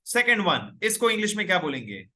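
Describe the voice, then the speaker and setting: Teaching English live online, this young man speaks a little fast in a high voice with big pitch swings and a bright, forceful tone. He urges students to talk and reads their names and comments aloud.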